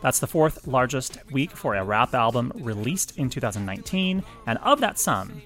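A man co-hosting a music podcast, reading chart news with wry, animated delivery. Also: mid-range voice, moderate pace. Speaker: podcast co-host.

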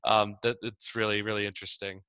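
Bright, halting, giggly man. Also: fairly low pitch, little pitch movement, a little hiss or hum. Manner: halting, enthusiastic, giggly, many fillers. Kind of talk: conversational interview.

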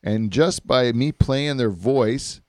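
A man's voice: medium pitch, takes it slowly, darkish tone, dry recording, clean studio sound. A man hosting a podcast in casual chat, rambling and laughing as he tells stories. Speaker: podcast host.

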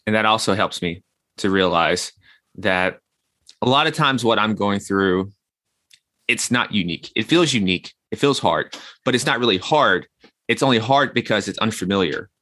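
Close, dry audio with no room sound captures a health consultant in his thirties talking as an interview guest. His lowish voice carries a bright, forceful edge, and he is animated at a normal speed while reflectively illustrating his points with homely, everyday analogies.

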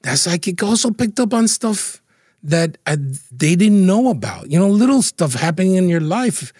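A man with a husky voice, a guest in an interview, telling anecdotes in a lively, casual way with frequent laughs. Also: high-pitched, moderate pace, dry recording, studio quality. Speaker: interview guest, feng shui consultant.

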